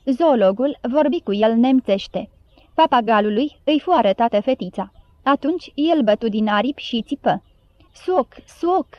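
A high-pitched woman narrates a storybook and gives its characters light voices of their own. The recording is dry and close, with a slightly dull, muffled top end. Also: animated, no room sound. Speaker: audiobook narrator.

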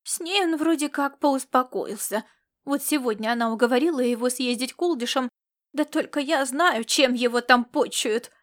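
A woman voicing a loud, bossy peasant mother who scolds and fusses in folksy speech. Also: high voice, normal speed, lightly acted. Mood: fussing scolding. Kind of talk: audiobook character reading.

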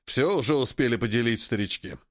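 A stocky old cart driver, as a story reader plays him, calm and wry as he explains things. His voice moves with lively intonation, recorded close and dry. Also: mid-range voice, fairly quick, no room sound, natural voice. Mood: lecturing. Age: older.

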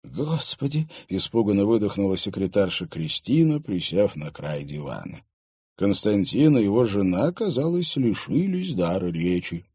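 A man narrating an audiobook and voicing the characters, with a lively delivery that lifts in pitch for dialogue. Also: moderate pace, husky, no room sound. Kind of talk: audiobook reading with voiced characters.

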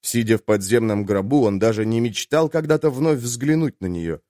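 A man's voice: medium pitch, moderate pace, dark tone, no echo, clean studio sound. A man reading an audiobook as its narrator, in a tense, dramatic manner. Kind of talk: scripted narration.

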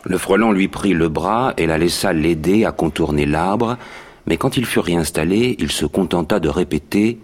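A man narrating a children's story in a radio drama, with an even storytelling delivery. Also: low voice, moderate pace.

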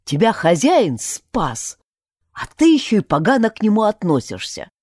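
Female reader doing a stern old male dog, slow scolding growl, storybook, dry close sound. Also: mid-range voice, huge pitch swings, a little mellow, no room sound.

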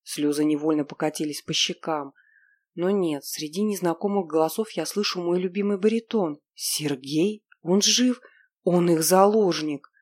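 A woman's voice: fairly low pitch, moderate pace, a little mellow. A woman narrating a first-person story in an emotional, dramatic way.

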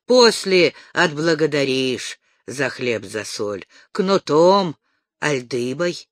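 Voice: mid-range voice, lively intonation, slow, no room sound. A reader voicing a sly, mocking man in a storybook.

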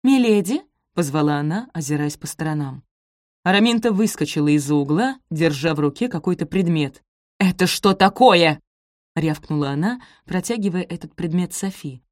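Brief: female audiobook narrator, lower voice, measured delivery, dry close-miked sound. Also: lively intonation, a little mellow, no room sound.

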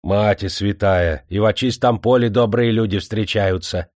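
A man's voice: lowish voice, moderate pace, darkish tone, no echo, close to an everyday voice. Man putting on a greedy old woman, wheedling, grasping, dry close recording. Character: greedy old Roma woman, hawk-nosed.

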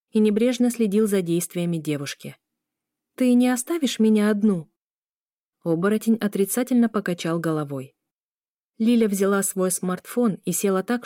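Female audiobook narrator, calm and even, warm dark tone, dry close recording. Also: on the low side, dry recording.

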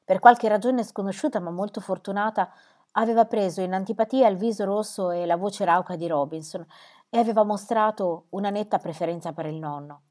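A woman narrating an audiobook with an expressive, dramatic reading. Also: medium pitch, fairly quick. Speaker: audiobook reader. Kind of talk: scripted narration.

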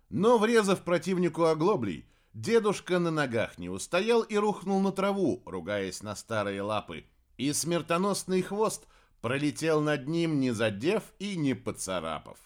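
Lively-voiced male storybook narrator. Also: a little high. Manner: dramatic, varied intonation. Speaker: audiobook narrator.

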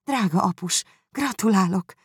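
A man voicing Jane, a kind and gentle young woman, in an audiobook. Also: high voice, expressive, slightly rough, dry recording, studio quality, pitched above the performer's own voice, full character voice. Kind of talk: audiobook character reading.

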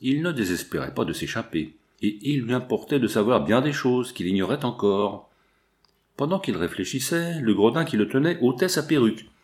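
A man narrating a classic novel in a measured, even reading. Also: mid-range voice. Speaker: audiobook narrator.

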